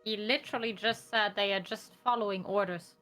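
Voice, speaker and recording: A woman's voice: mid-range voice, steady tone, brisk, fairly bright tone, faint music behind. Woman player chatting at a tabletop game. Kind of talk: casual game-table discussion.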